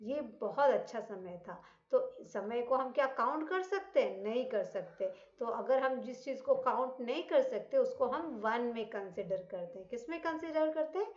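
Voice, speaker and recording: A woman teaching English grammar with an Indian accent. She explains in Hindi, reads English examples slowly, and asks the class questions that she answers herself. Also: fairly high pitch. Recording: echoey, dull lo-fi room sound.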